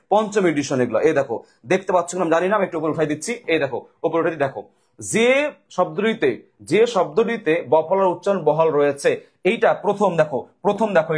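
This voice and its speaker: A man's voice: on the high side, slightly rough. A male tutor from Bangladesh explaining exam questions to students, drilling them by asking questions and answering them himself. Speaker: admission test tutor.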